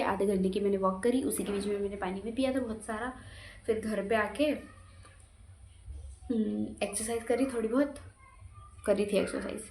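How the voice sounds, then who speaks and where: A woman's voice: fairly high pitch, darkish tone. A young woman casually recounting her day in a rambling, repetitive vlog style. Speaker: vlogger. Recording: echoey room with faint background noise.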